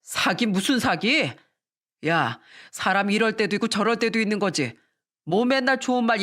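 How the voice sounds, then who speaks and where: A woman's voice: mid-range voice, a bit bright. A woman voicing a sneering two-faced husband. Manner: sneering, defiant, blaming others. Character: arrogant, rude young husband, a two-faced bully.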